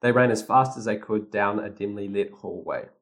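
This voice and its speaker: A man's voice: fairly low pitch, normal speed. A man reading a children's story aloud and patiently explaining the hard words as he goes. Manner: patient, explanatory, reads dialogue with voices.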